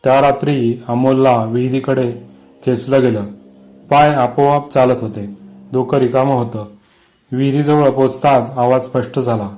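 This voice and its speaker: A man narrating a scripted horror story in a measured, suspenseful way. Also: medium pitch, dark tone, low-quality recording.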